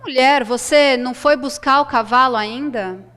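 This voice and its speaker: A woman's voice: high voice, moderate pace, fairly bright tone, big-room sound. A woman storyteller voicing a puzzled village husband who scolds his wife with exasperated questions. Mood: scolding.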